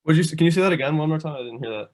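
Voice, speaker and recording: A man with a Minnesota accent hosting a podcast over a video call, rambling and profane and quick to laugh. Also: on the high side, a little hiss or hum. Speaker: podcast host. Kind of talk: casual podcast chat.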